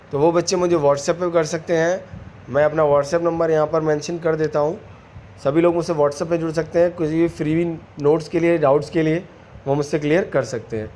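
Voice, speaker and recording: A man's voice: on the high side, steady tone, darkish tone, slight background noise. A man teaching a physics lesson, mixing Hindi and English and often asking his students whether they follow. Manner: asks students quick check questions, calls them beta.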